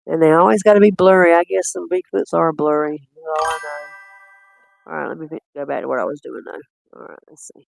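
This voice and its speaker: A man chatting casually while reviewing footage, rambling and quick to laugh. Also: on the high side, fairly even intonation, vocal fry, no echo. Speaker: cryptid-hunting streamer.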